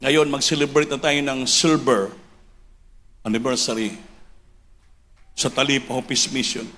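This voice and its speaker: A man preaching a sermon, switching between Tagalog and English and building to emphatic shouts. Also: mid-range voice, flat delivery, unhurried.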